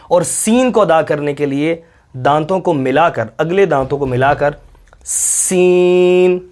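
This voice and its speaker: A man teaching Quran letter pronunciation, patiently drawing out each letter sound step by step. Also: a little high. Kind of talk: step-by-step recitation lesson.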